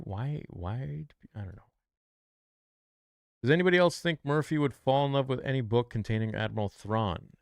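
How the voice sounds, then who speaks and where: A man's voice: lowish voice, creaky, no echo, clean studio sound. A man streaming live, reacting casually and reading chat aloud in a laid-back, slangy way.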